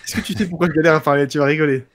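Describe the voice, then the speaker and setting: Fast-talking man with a slushy lisped s. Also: a little high, steady tone, crowd noise. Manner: slight lisp, slushy sh-like s sounds; informal, halting with repeated words and slang. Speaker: professional MMA fighter answering viewer questions. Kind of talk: casual livestream chat, combat sports commentary.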